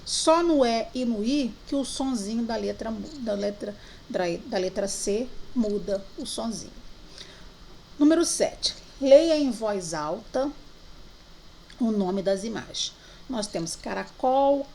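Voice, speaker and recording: A woman teacher from Brazil talks young children through their worksheets, stretching out each syllable. Her voice is gravelly and sits at a middle pitch. A faint hiss runs under the recording. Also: a little mellow. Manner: slow, drawn-out syllables for children. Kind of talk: remote lesson walking through worksheets.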